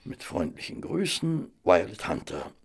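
Gravelly, kindly gentleman doctor. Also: low voice, sing-song, a little slow, exaggerated voice. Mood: hesitant, polite. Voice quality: gravelly, husky. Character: kindly, patient doctor, the detective's loyal companion. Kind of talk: German audio drama acting.

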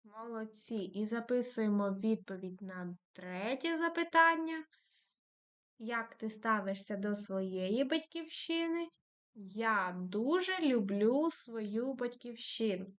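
Slow, patient woman teaching young children. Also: on the high side, expressive. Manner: slow, patient dictation with frequent praise. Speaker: primary school teacher. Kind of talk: online lesson for young children.

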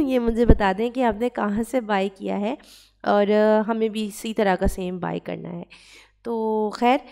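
A woman's voice: a little high, vocal fry, mellow. Chatty Pakistani woman narrating a vlog. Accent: Pakistani Urdu. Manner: chatty, with frequent "uh" fillers and English words mixed in. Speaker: vlogger. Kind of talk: casual voice-over narration.

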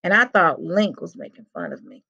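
A woman's voice: fairly low pitch, animated, moderate pace, vocal fry, pushed and bright, breathy edge. A woman reading a children's chapter book aloud, telling the first-person story expressively. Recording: dull lo-fi recording.

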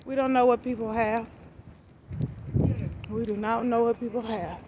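A woman's voice: on the high side, fairly even intonation. A woman in her forties vlogging from her phone while she walks through a mall and then a parking lot, chatty and slangy. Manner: slow, chatty, slangy, talks straight to the phone while walking. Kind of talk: casual walking vlog chat. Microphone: phone held at arm's length. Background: background music, traffic and wind.

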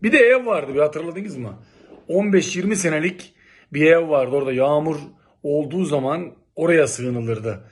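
A middle-aged man from Turkey telling old local stories in a lively, exclamatory, casual way. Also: fairly high pitch, normal speed, breathy edge. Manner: animated, exclamatory, lively storytelling. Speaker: local vlogger reminiscing. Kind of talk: casual nostalgic monologue.

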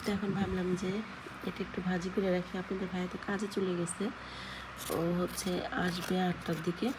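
A young woman with a hoarse voice, chatting casually to viewers as she cooks in her home kitchen. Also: lowish voice, little pitch movement, brisk. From Bangladesh. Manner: chatty, talks viewers through her cooking. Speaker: home vlogger. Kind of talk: casual cooking vlog chat. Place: home kitchen with open window. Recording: loud kitchen noise. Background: frying and sizzling in the pan.

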